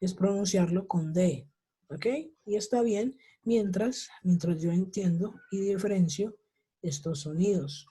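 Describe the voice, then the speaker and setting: Slow, husky-voiced teacher. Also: male voice, high-pitched, dark tone. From Colombia. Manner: checks in with "¿sí?" and "¿ok?" constantly, drills example words slowly. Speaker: English teacher. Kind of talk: online class explanation. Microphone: video call.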